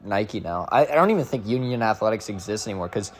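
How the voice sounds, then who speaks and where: A man's voice: lowish voice, animated, fast. A young man chatting casually as a running vlogger, rambling with lots of filler words and slang. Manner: rambling, full of "like" and "bro".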